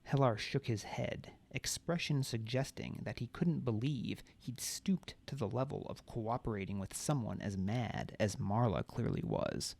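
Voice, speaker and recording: Gravelly male author reading aloud. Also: medium pitch, very animated, unhurried, hardly any pauses, a little mellow. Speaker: author reading his novel. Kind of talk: audiobook narration.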